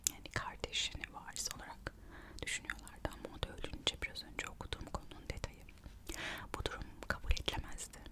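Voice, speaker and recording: A storyteller whispers an ASMR narration, reading aloud and adding gossipy, musing asides. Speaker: ASMR host narrating royal history.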